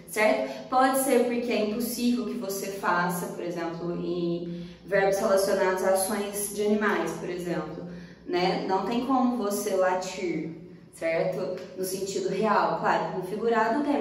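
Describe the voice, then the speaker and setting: A woman's voice: on the high side, a little mellow, a little hiss or hum. A woman with a Brazilian Portuguese accent teaching a grammar lesson, who keeps checking in with the class as she explains. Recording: very echoey room, far from the mic.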